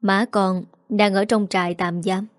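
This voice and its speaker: A woman voicing a calm, polite middle-aged father, speaking gently. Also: medium pitch, unhurried, no room sound, clean studio sound, natural voice.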